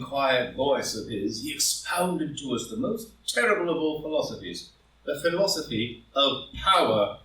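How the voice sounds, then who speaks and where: In a fairly high-pitched voice, a man performs an impassioned, grandiloquent, emphatic reading as a proud, ambitious wealthy gentleman defending his guilty secret. The stage drama is read live by a group in an indoor room, and the mic sits distant in a roomy recording.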